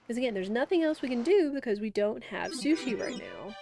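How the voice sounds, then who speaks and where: Fairly high-pitched and gravelly, this young woman's voice is very animated and fairly quick as she streams a game. She sounds congested and nasal from a cold, and her casual commentary wanders with plenty of fillers. Game music runs behind her.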